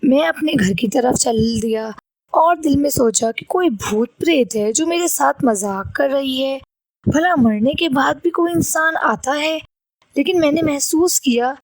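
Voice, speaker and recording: A woman reads a horror audiobook in a steady, dramatic way. Her voice sits high. The recording is close and dry. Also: dry recording. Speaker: storyteller. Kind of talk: scripted audiobook narration.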